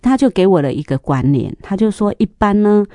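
A middle-aged woman, sharing a church testimony in an interview, telling stories lively and acting out the dialogue. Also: medium pitch, a little fast, no echo, studio quality. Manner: lively storyteller, acts out dialogue, laughs often.

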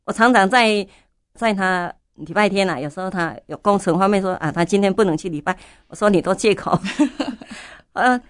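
A woman's voice: medium pitch, moderate pace, clear, resonant tone, no room sound, clean studio sound. An older woman, a church elder, telling her story in an interview and fervently repeating her prayers aloud. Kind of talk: testimony interview.

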